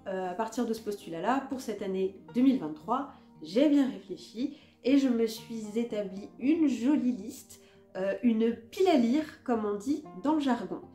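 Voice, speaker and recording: A woman chatting casually as a book vlogger about her reading list, talking in a relaxed, self-mocking way with plenty of fillers. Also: a little high, moderate pace, echoey room, soft background music.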